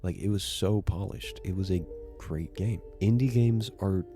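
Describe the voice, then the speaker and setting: A man narrating a casual video essay, excitable and swearing freely as he gushes. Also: deep voice, measured pace, faint music behind. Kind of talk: casual enthusiastic commentary.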